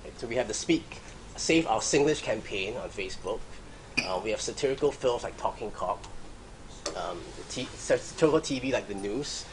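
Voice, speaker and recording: A man with a Singaporean accent giving an academic lecture in a halting way, restarting phrases and often checking in with the audience. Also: fairly low pitch, lively intonation, noisy background. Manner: halting, with repeated starts and frequent check-in "right?".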